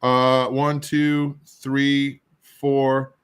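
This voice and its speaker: A middle-aged man talks on camera while he tastes hot sauce, with a runny nose. He rambles and backtracks in a self-deprecating way, and his voice sits at an ordinary middle pitch. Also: level tone, extremely slow, smooth. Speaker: show host. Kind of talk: casual chat while tasting hot sauce.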